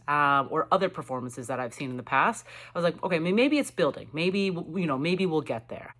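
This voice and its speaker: A woman chatting excitedly as a vlogger, reviewing a show in casual commentary with lots of fillers. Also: sits low.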